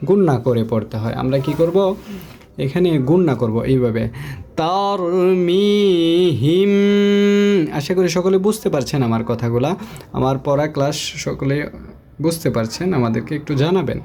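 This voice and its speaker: With a warm, mid-range voice, a man leads a Quran recitation lesson. He alternates between quicker spoken explanations and slow, chanted spelling of Arabic syllables.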